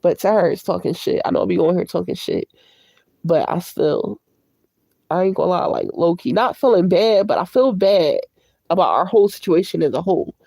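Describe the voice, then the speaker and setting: A woman's fairly low, mellow voice, slightly rough with vocal fry, comes across brisk and expressive despite congestion from a cold. Hosting a casual livestream, she talks to viewers through a tablet at length, candid, rambling and reflective. There is no echo.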